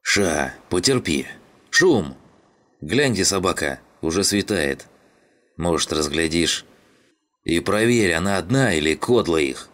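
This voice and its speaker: A man voicing a gruff, bossy male scavenger leader who swears and barks orders. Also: deep voice, expressive, unhurried, fairly bright tone. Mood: commanding. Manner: rough, swearing, barking orders.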